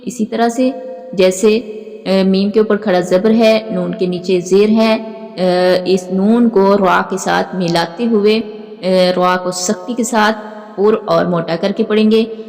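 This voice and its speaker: A woman teaching Quran recitation, explaining pronunciation and then reciting verses slowly with long drawn-out, melodic vowels. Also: medium pitch, fairly even intonation, a little mellow, long reverb tail, faint music behind. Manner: slow and deliberate, stretching recited words melodically. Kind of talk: slow recitation lesson with explanations.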